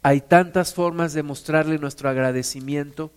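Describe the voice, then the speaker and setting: A man's voice: a little high, steady tone, moderate pace, clear, resonant tone. A man preaching a sermon to his congregation, calling them sisters and brothers and acting out the quotes he tells with a raised voice. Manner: acts out quotes with raised, shouting voice.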